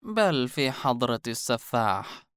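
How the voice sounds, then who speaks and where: A man voicing a mysterious old woman hermit, slow and scornful, in a storybook reading. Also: deep voice, lively intonation, a little mellow, no echo, studio quality, pitched above the performer's own voice. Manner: slow, mocking, ominous delivery.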